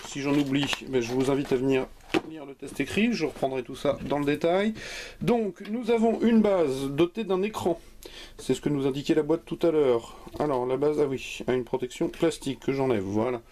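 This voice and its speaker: A man's voice: mid-range voice, normal speed, a little hiss or hum. A man hosting a hardware video channel, chatting jokily and casually as he unboxes a product live. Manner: jokey, lively, chatty. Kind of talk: unscripted unboxing commentary.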